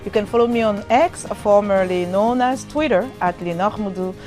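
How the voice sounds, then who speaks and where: A woman presenting a news health program, clear and steady. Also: mid-range voice, moderate pace, over music. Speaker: news host.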